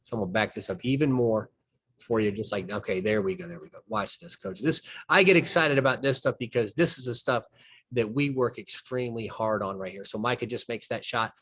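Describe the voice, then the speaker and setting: Folksy coach breaking down plays. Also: male voice, lowish voice, brisk, a bit bright, slightly rough. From southern United States. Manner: folksy, explains plays step by step, trails off and restarts. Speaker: basketball coach. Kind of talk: film breakdown conversation.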